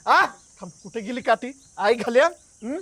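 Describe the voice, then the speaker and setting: A man's voice: extremely high pitch, moderate pace, a little hiss or hum. A man playing a furious jealous village wrestler. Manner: shouting insults, scornful, menacing. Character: hot-tempered jealous village wrestler husband. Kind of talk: rural web drama acting.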